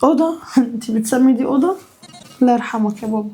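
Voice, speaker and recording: A woman's voice: a little high, fast, music in the background, lightly acted. An actress with an Egyptian accent playing a proud young woman, formerly rich, talking bitterly and sarcastically. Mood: sarcastic. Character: proud young sister-in-law, fallen from wealth.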